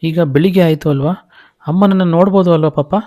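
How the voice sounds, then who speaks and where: A man voicing a frightened little village boy who pleads in a high, urgent voice. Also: fairly even intonation, fairly quick, mellow, lightly acted. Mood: pleading.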